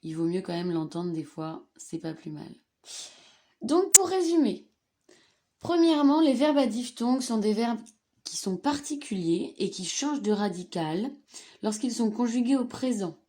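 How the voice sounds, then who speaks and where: A woman walks learners through a grammar lesson on slides. She talks slowly and patiently, repeating each conjugated form with care. Her tone is mellow and warm rather than bright. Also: fairly high pitch, big pitch swings. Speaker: Spanish teacher.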